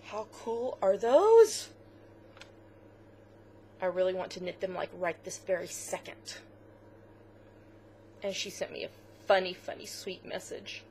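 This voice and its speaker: Chatting casually on the knitting podcast she co-hosts, this woman uses lots of fillers and occasionally seems near tears. She speaks at a normal speed in a low, level voice, pausing often, over slight background noise.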